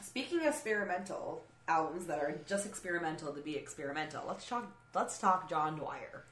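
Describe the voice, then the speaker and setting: A woman's voice: deep voice, expressive, fairly quick, fairly bright tone. A young woman co-hosting a casual music podcast, chatty with frequent ums and likes. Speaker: podcast co-host. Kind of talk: casual chat about music. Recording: echoey room.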